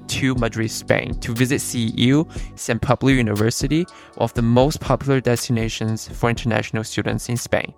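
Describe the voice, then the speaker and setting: A man speaks as a podcast host in a mid-pitched voice with plenty of vocal fry. His delivery is conversational and explanatory, like someone introducing and running an interview. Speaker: podcast host, college counselor.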